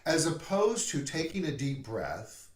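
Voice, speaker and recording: A man's voice: a little high, unhurried, noisy background. Playful man preaching in an echoey room. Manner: playful, animated storytelling with acted asides. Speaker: minister. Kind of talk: conversational sermon dialogue. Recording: roomy echo.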